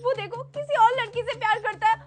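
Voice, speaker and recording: A woman acting as a young wife in a family skit, accusing her husband loudly and emotionally. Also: extremely high pitch, fast talker, soft background music. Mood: hurt, pleading.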